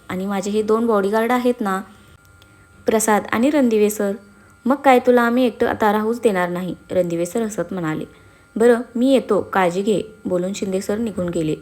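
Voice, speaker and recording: A woman's voice: fairly high pitch, darkish tone. A woman narrating a serialized story aloud and voicing all the characters' dialogue herself. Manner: voices every character herself, mostly in her own tone.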